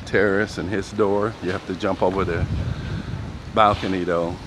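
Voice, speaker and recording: A man's voice: sits low, steady tone, normal speed. A man casually narrating a walking tour of his property outdoors, rambling with fillers, filmed on a handheld phone. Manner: rambling, conversational, fillers like "you know". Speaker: vlogger giving a property tour. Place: outdoors on a street and yard in the sun. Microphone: handheld phone camera. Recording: outdoor phone recording with clear background noise.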